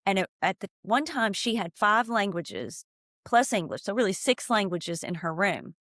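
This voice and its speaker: The clip is clean studio audio with no room sound: a conversational interview with a woman who teaches ESL and comes from East Tennessee. At normal speed and in a mid-range voice, she speaks earnestly and animatedly, turning emphatic to make her points.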